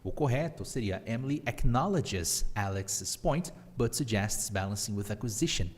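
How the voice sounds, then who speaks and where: A man with a Brazilian Portuguese accent, an English teacher who also hosts a podcast, leads a live online lesson, upbeat and teacherly, mixing English phrases into what he explains. His voice sits on the low side with lively intonation and a measured pace, trailed by a long reverb.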